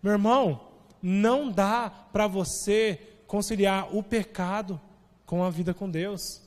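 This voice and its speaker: A young Brazilian man preaching a sermon as pastor, talking in a loose, conversational way and tagging his lines with quick asides. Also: sits high. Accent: Brazilian Portuguese. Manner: conversational, animated preaching with frequent "né?". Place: church sanctuary. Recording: long hall reverb.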